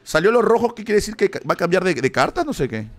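A man's voice: high voice, big pitch swings, quick pace. A man from Peru with a Peruvian Spanish accent, commentating a live stream as he thinks aloud and yelps when things go his way.

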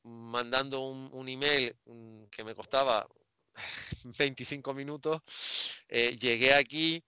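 A middle-aged man from Spain with a bright, crisp voice, speaking over a headset on a video call. He picks his way through his thoughts with restarts and small hesitations. The sound is dry and close. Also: mid-range voice, steady tone, slow pace, no room sound. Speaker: interviewer. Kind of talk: casual video-call interview. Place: home room with bookshelves.

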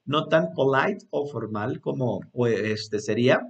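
Slow, lively male English teacher. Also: medium pitch, lo-fi sound. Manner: drills English phrases slowly and repeats them, says "este" often. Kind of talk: slow, patient language lesson.

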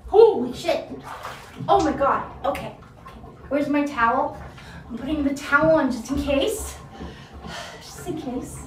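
A woman's voice: high voice, expressive, moderate pace, pauses often, far from the mic. A woman streamer in a bubble-bath tub, chatting in a giggly, rambling way. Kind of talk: casual live-stream chat. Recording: echoey bathroom, voice away from the mic.

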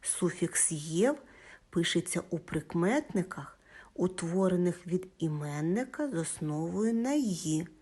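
A woman from Ukraine teaching a school language lesson, dictating words slowly and clearly and praising the class. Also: fairly low pitch, darkish tone.

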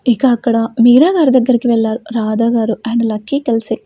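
A woman narrating a romance story in a steady storytelling reading. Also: on the high side, a little fast, dry recording.

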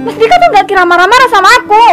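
A woman's voice: very high voice, big pitch swings, rapid-fire. Woman playing a defiant cheating wife. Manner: defiant, sharp and mocking, then pleading. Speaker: unfaithful wife Arumi. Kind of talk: amateur village drama acting. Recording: loud guitar music behind.

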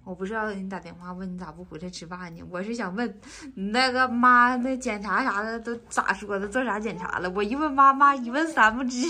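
Frank, inquisitive Northeastern Chinese woman, sharp bright voice, everyday family conversation. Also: mid-range voice, steady tone, fairly quick, hardly any pauses. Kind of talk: casual family chat. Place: home living room.

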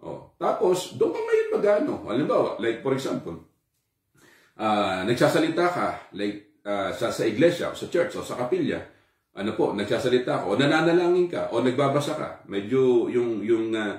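A man preaches in a loose, conversational sermon, switching between Tagalog and English and leaning on fillers. His voice sits at an ordinary middle pitch. He sounds a little away from the mic, and the room echoes around him. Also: sing-song, normal speed, a little mellow, distant mic.

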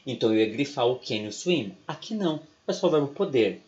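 A man's voice: mid-range voice, animated, quick pace, darkish tone, lo-fi sound. A Brazilian man with a Brazilian Portuguese accent, giving an online English lecture in a chatty way and often tagging his sentences with "né?" and "ok?". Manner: chatty, keeps adding "né?" and "ok?". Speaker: English teacher.

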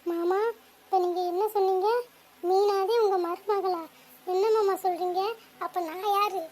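A woman's voice: very high voice, level tone, measured pace, a little mellow, a little hiss or hum. A woman voicing a jilted young woman in a cartoon family drama, whiny and reproachful. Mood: confused. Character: jilted young woman, petulant would-be bride.

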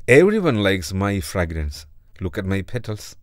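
A man's voice: sits low, big pitch swings, measured pace, no room sound, studio quality. A man voicing a vain rose bush. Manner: boastful.

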